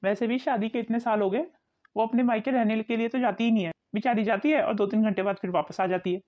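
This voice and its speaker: A woman voicing a kindly, fair older father-in-law in a family cartoon, giving calm advice. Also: on the high side, fast talker, close to an everyday voice. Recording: dull lo-fi recording.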